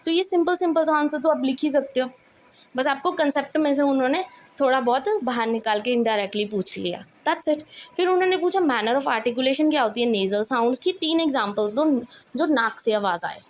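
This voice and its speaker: A woman's voice: high-pitched, a little fast, slight background noise. A woman teaching an English revision lesson with an Indian English accent, mixing English terms into her explanations and often checking with "right?". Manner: mixes English terms into explanations, repeats "theek hai ji" and "right?". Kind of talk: exam revision lecture.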